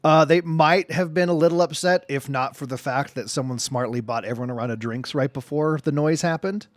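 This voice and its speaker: A man's voice: fairly high pitch, brisk, no room sound. Informal male game master, very dry sound. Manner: informal, slangy. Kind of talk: casual tabletop game narration.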